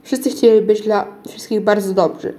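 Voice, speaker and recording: A woman reading a children's storybook aloud at a middling pitch. The reading is unpolished, with frequent stumbles and restarts on words. She keeps going in an everyday voice. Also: fairly even intonation, normal speed, warm tone. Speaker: reader of a children's book.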